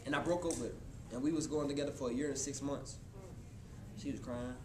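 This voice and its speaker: A man in his twenties giving a motivational talk to a live college audience, casual and animated, speaking straight to the crowd. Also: mid-range voice, fast talker. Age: 20s. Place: college hall before an audience. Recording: echoey hall with room noise.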